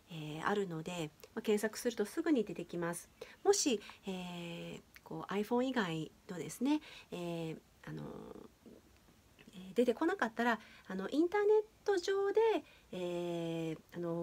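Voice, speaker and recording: A woman teaching English pronunciation in a casual video lesson, chatty and explaining step by step with many fillers. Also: medium pitch.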